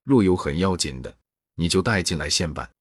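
A sharp young noblewoman who gives orders briskly and teases with authority, read by a man in a low, husky voice. The sound is close and dry. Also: lively intonation, no echo. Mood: teasing, commanding.

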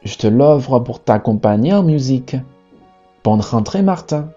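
A man voicing a kindly old elephant in a storybook, reminiscing in a warm-hearted way. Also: mid-range voice, animated, a little slow, lo-fi sound, soft background music. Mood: fond. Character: oldest elephant of the savanna, fond and kindly.

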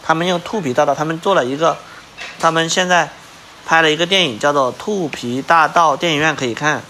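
A man reads a children's picture book aloud in a slightly high, bright, forceful voice. He breaks off now and then to put simple questions to his young listener. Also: brisk, slight background noise. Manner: stops to ask the listener questions. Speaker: storyteller reading to a child.

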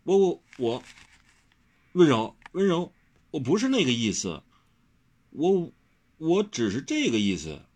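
A man's voice: mid-range voice, wildly swooping pitch, moderate pace, breathy edge, pitched above the performer's own voice, exaggerated voice. A man voicing a flustered, earnest young swordsman who stammers and repeats himself. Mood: flustered pleading.

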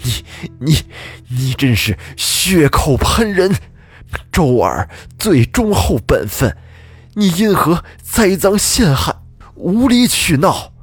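A man's voice: on the high side, big pitch swings, slow pace, breathy edge, dry recording, faint music behind, pitched above the performer's own voice, heavily acted. Man doing a sputtering outraged old man.

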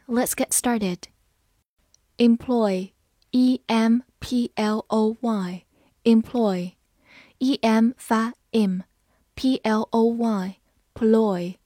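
Mellow-voiced woman teaching English vocabulary. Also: fairly high pitch, no echo, studio quality. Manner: spells words letter by letter, then reads sentences slowly. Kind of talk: vocabulary lesson with slow read-alongs.

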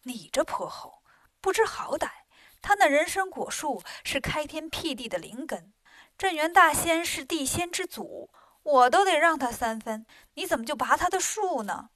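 A woman voicing a calm, wry female bodhisattva who speaks softly and scolds gently. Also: high voice, normal speed, no room sound.

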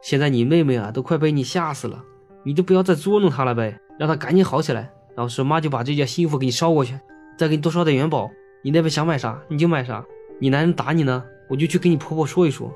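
A poor, remorseful old mother gently coaxing her dead child to rest, as a man puts her on. The voice sits raised above his own speaking voice and stays soft and placating throughout this spoken folk tale. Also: a little high, fast, faint music behind, pitched above the performer's own voice, natural voice. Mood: pleading remorse. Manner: coaxing, soothing pleading.

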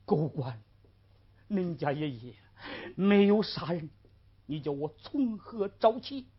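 Lady doing a tortured guy, yelling curses, raspy voice, old muffled tape. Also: lowish voice, very animated, slow, exaggerated voice. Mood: defiant, anguished. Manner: crying out, cursing in anguish. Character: defiant tortured young man, furious and pained. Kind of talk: traditional storytelling. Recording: lo-fi old recording.

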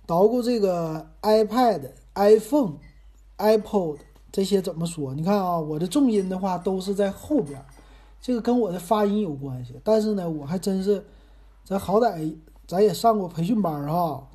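A podcast host with a Northeastern Mandarin accent talks in a loose, meandering way and pokes fun at himself. His voice is soft and dark in tone, with a slightly husky grain. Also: sits high. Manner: chatty, rambling, self-deprecating. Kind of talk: casual monologue.

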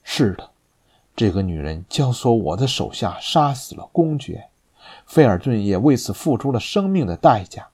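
A man's voice: medium pitch, sing-song, darkish tone, breathy edge. A man doing a stern vengeful lord. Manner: firm, heavy and measured.

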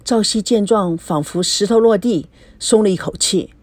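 A woman's voice: medium pitch, moderate pace, a little mellow, no room sound. A woman reading a serialized story aloud, narrating expressively between the characters' lines.

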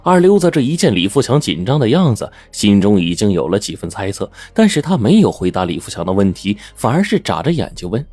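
一位男说书人以口语化的方式讲故事，语气生动，常带"啊""呢"等语气词。. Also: male voice, fairly low pitch, brisk, few pauses, husky, no echo, soft background music. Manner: lively, colloquial, chatty asides. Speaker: storyteller. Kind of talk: oral storytelling.

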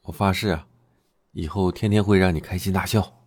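A woman voicing a doting young husband who talks gently and coaxingly, with a hint of menace. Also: extremely low pitch, fairly even intonation, a little fast, slightly rough, no room sound, clean studio sound, pitched below the performer's own voice. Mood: tender. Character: doting young husband, soft-spoken, quietly sinister.

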